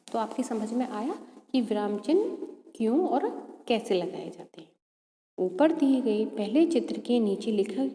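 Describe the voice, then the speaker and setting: A woman's voice: a little high, mellow. A woman teacher giving a patient grammar lesson to children, often checking they follow. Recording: echoey room with long reverb.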